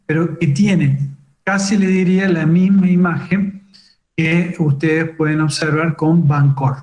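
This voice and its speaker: A man teaches an online class, explaining slides step by step. His voice sits high for a man. The sound is roomy, with noticeable echo around him. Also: steady tone, measured pace, darkish tone. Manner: explanatory, many fillers like "digamos" and "fíjense". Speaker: webinar instructor on cybercrime. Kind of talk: online lecture.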